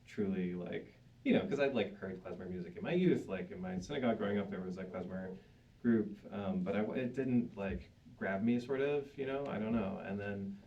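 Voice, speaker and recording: At a live panel in a synagogue hall, a male guest tells a story briskly in a lowish voice, upbeat and chatty with frequent fillers. The recording sounds dull and distant, with faint room noise.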